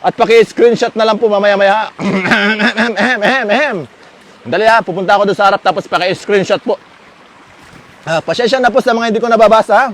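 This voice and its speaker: High-voiced man chatting on a fishing livestream. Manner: chatty and playful, laughs often, shouts with excitement when a fish bites. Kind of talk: live fishing commentary.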